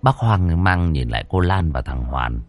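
A male storyteller reading a ghost story in a low, lively voice that swoops up and down. He slows down for the suspenseful moments, recorded close and dry with no room sound. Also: no echo, soft background music.

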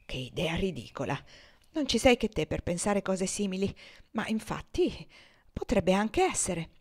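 A woman's voice: medium pitch, sing-song, measured pace, husky. A woman voicing a self-pitying, languid wealthy mother with a whiny, dismissive manner, read aloud from a storybook.

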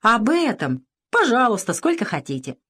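A woman voicing a bright, bossy young army nurse who talks in a teasing, lively way, in a storybook reading. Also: a little high, moderate pace, slightly rough, pitched above the performer's own voice, full character voice.

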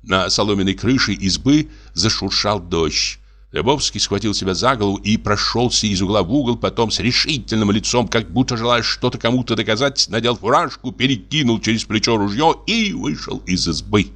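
Low-voiced male audiobook narrator. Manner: measured, expressive reading.

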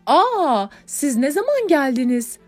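A woman voicing an affectionate young elder sister in an audiobook, in a higher, eager voice. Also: animated, normal speed, a little mellow, soft background music. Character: warm young elder sister who bakes.

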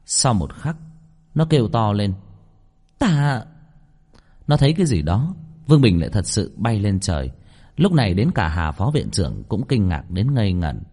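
A man reading a story aloud as an audiobook narrator, with a lively storytelling delivery. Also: lowish voice, normal speed, husky. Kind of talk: scripted narration. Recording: long reverb.

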